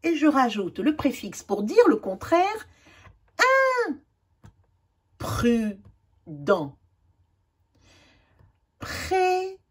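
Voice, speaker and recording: A woman's voice: sits high, very animated, a little slow. A woman teaching a children's spelling lesson, spelling out letters and drawing words out carefully.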